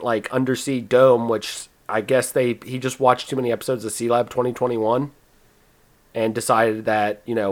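Guy rambling through a movie plot on a podcast, quick and stumbly. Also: mid-range voice. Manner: excitable, stumbling restarts, quick. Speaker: podcast host presenting the movie. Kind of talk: casual movie discussion podcast.

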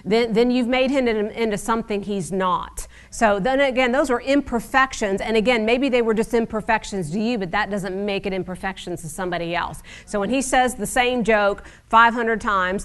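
A woman's voice: on the high side, moderate pace, hardly any pauses, a bit bright. A middle-aged woman preaching a sermon in a conversational, wry teaching manner with frequent asides.

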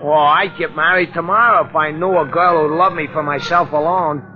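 An actor playing an easygoing, wisecracking police sidekick with slangy mock wisdom, in 1940s radio style. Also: male voice, fairly high pitch, steady tone, moderate pace, natural voice. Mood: smug joking. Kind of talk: 1940s radio comic-relief acting. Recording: noisy, muffled old radio recording.

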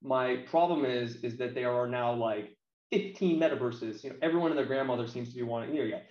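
Brisk and a little mellow at medium pitch, an American man in his late thirties chats bluntly and casually as an interview guest. He works in games marketing and offers opinions, with a roomy echo and slightly dull sound.

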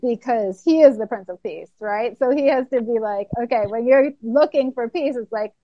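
A woman's voice: a little high, moderate pace, no echo. A woman hosting a faith interview, speaking encouragingly and often tagging her points with "right?". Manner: encouraging, ends phrases with "right?". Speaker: podcast host. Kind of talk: faith-based interview chat. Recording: dry, slightly dull sound.

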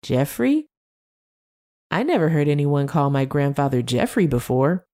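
A woman's voice: low voice, sing-song, measured pace, warm tone. A woman voicing an eager, forward young man asking questions, her voice raised above her own. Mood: curious.

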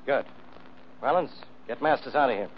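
An American actor playing a stubborn, blustering middle-aged police inspector in a 1940s radio mystery, blunt and insistent, on an old recording. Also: male voice, mid-range voice, moderate pace, dull audio, slight background noise, close to an everyday voice. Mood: gloating. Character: blustering, hard-nosed police inspector man, stubborn and boastful.

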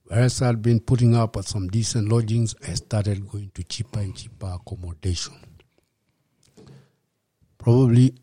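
A man in his fifties with a Kenyan accent, a podcast guest telling his life story in a reflective, unhurried way and slipping in Swahili words. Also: on the low side, fairly even intonation, mellow. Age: 50s. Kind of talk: personal storytelling in a podcast interview.

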